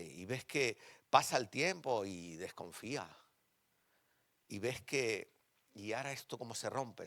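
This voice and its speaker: A man preaching in a church, his voice sitting at a medium pitch. He tells personal stories, pressing his points with loud emphasis and then dropping to quiet, close tones. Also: vocal fry, dry recording. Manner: animated, shifting between loud emphasis and quiet intimate tones. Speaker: pastor.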